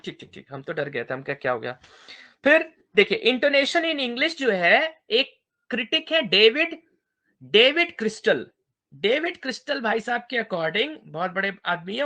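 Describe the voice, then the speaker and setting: Male college lecturer, bilingual classroom talk, bright tone, animated pitch, playful check-ins. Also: measured pace. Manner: playful, keeps checking students understand. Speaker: university English lecturer.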